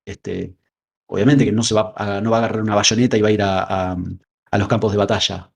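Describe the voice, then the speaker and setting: A man's voice: fairly low pitch, level tone, fairly quick, gravelly. A man with a Rioplatense Spanish accent, co-hosting a casual film discussion podcast, rambling with frequent filler words. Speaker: podcast co-host.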